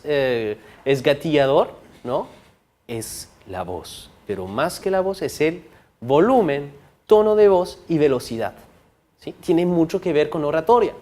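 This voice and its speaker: A man giving a training talk on body language to an audience, lively, often checking in with listeners and playing with volume and speed for emphasis. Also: fairly high pitch.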